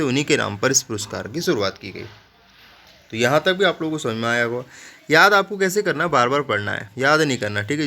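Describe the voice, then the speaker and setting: Bright-voiced man teaching memory tricks. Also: mid-range voice. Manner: playful, joking asides to students; repeats "ठीक है" as a check-in. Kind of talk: general knowledge lesson with memory tricks.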